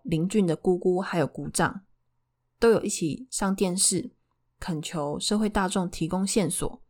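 A woman with a Taiwanese Mandarin accent telling true crime in a conversational way as a narrator, putting questions to her listeners. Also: on the low side. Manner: poses rhetorical questions to listeners.

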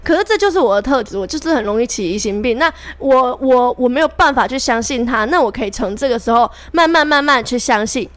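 A woman's voice: on the high side, expressive, fast talker, hardly any pauses. A young woman co-hosting a podcast, telling a personal story in casual chat and acting out the voices of the people in it. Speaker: podcast co-host. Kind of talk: casual chat between friends.

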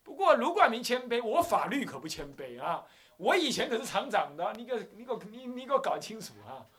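A man putting on a pompous, arrogant elder with a Taiwanese Mandarin accent, blustering at a newcomer in a high, swooping voice and talking down to him. The tone pounds and climbs like a table-slamming boss. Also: big pitch swings, normal speed, a bit bright, heavily acted.

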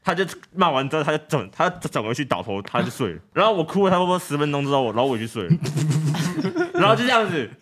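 A man telling a childhood story in a casual podcast chat, animated, laughing and restarting often. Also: fairly high pitch, quick pace. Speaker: guest storyteller.

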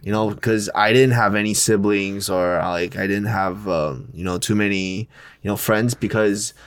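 A man's voice: lowish voice, normal speed, clean tone, no echo. A young man from Taiwan hosting a podcast in a casual, loose conversational way, full of "like" and "you know". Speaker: podcast host.

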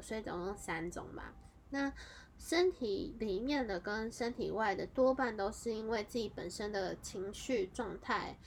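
Woman podcast host, casual storyteller, mid-pitched voice, chatty and animated, quick leaps into excited highs. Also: gravelly, a little hiss or hum. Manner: animated, jumps into high excited exclamations; chatty, strings clauses with fillers.

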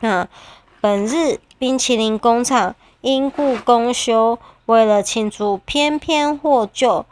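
Lively woman reading a kids story. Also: on the high side, slow pace. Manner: lively, animated storytelling with sound effects. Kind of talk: storybook read-aloud.

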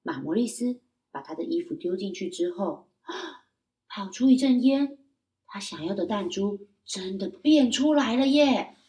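A woman storyteller reading a children's story, animated and expressive, talking directly to young listeners. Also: medium pitch, normal speed, distant mic.

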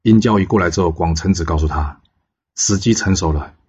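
A man with a deep, husky voice tells an old legend in a chatty way, tossing questions at the listener. The sound is muffled and lo-fi. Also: fairly quick, a little mellow. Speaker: storyteller. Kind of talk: casual storytelling of a folk legend.

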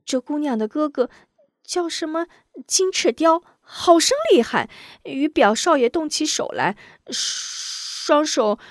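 A woman's voice: high voice, lively intonation, slow, no room sound, clean studio sound, pitched above the performer's own voice. A woman voicing a timid young maidservant girl who stammers and hurries her words. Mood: flustered.

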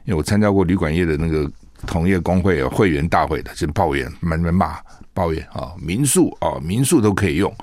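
A man's voice: sits low, lively intonation, a little fast, darkish tone, no room sound. A man hosting a radio talk show, giving a chatty opinion monologue full of rhetorical asides and tag questions in a studio.

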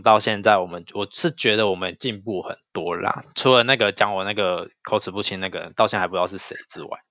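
Guy on a podcast, lowish voice, bright and forceful, laughs a lot, dry dull mic. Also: dry recording. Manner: chatty storyteller, laughs often. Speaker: podcast co-host. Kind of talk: casual chat.

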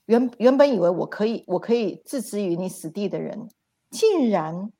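A man's voice: high voice, vocal fry, warm tone, exaggerated voice. A woman voicing a male ghost who stammers out a grudging admission of defeat in her told story. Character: male whip-wielding ghost, beaten and grudging.

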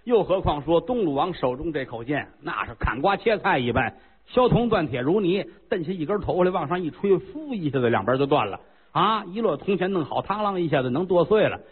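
A man performing traditional pingshu storytelling, with lively colloquial asides and jokes. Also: fairly high pitch, brisk, husky. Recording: lo-fi phone-like recording.

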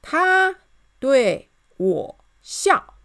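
A woman voicing an earnest male soldier who speaks slowly and loudly. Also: mid-range voice, big pitch swings, vocal fry, slightly rough, heavily acted. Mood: stern. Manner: slow, emphatic, loud.

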